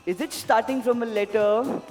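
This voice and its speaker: High-voiced showman in echoey hall. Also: fairly even intonation, moderate pace, a little mellow. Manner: showman, polite, addresses volunteers with repeated pleas. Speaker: stage mentalist and magician. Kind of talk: live stage performance patter with audience. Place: indoor event hall, on stage. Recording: echoey hall PA, music behind.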